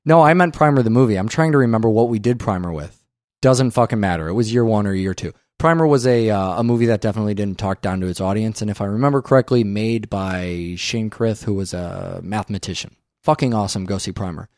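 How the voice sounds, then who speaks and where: A man co-hosting a film podcast in a casual, animated way. His voice sits on the low side and sounds dry and close to the mic. He swears freely and slips into quick voices to act out scenes. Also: no room sound. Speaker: podcast co-host.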